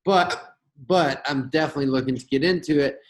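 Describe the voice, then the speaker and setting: A man hosting a trading channel, talking fast and loosely through a screen-share market rundown, with hiccups and gasps between phrases. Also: on the high side, poor audio. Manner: fast, rambling, with fillers and restarts. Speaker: forex trading channel host.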